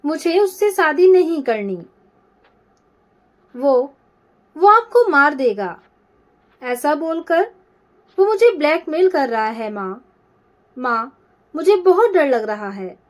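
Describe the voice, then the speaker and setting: A woman's voice: sits high, sing-song, slow, long pauses, full character voice. A woman voicing a frightened young woman who pleads through tears. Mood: tearful. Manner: pleading, trembling with fear.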